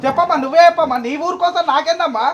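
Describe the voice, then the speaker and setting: A man's voice: very high-pitched, racing, dull audio. Insistent young village man. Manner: insistent, wheedling. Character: young village man demanding his money back.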